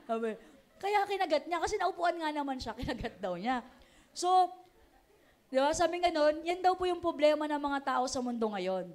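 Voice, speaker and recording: Filipino woman pastor, slightly high voice, casual conversational preaching, mixes in English phrases. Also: animated, normal speed. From Philippines. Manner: chatty, keeps asking the congregation "di ba?", laughs often. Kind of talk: conversational sermon.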